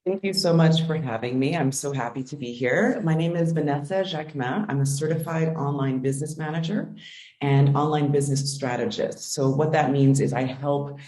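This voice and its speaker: A woman's voice: sits low, moderate pace, mellow, reverberant. A woman business coach answering interview questions earnestly, with frequent ums.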